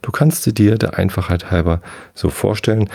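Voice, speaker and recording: A man's voice: fairly low pitch, moderate pace, creaky, dark tone, dry recording. A man voicing a bitter, sleepless nightmare gnome in a bedtime story reading, lecturing in a condescending way.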